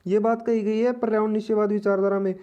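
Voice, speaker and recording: A woman teaching an exam-prep lesson, explaining slowly and repeating each point in other words. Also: medium pitch, flat delivery, warm tone, lo-fi sound.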